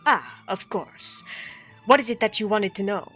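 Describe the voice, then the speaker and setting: Courtly young prince with a put-on Spanish accent, read by a woman, bright and crisp, faint game music under. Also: medium pitch, animated, a little slow. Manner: formal, flowery, gracious. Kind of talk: reading game dialogue aloud.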